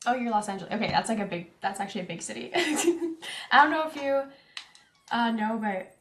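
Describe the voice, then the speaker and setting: A young woman with a central Canadian accent plays a farming game on stream, chatting casually, reading viewers' messages and giggling. Her voice is a little high, fairly quick and fairly bright, heard in an echoey room.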